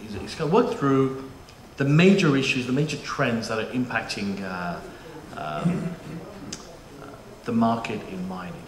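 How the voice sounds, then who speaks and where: A UK panel moderator presents to a conference in a mid-range voice with lively intonation, moving a little slowly. He's chatty and jokey, full of restarts and fillers. The auditorium is echoey, with faint room noise underneath.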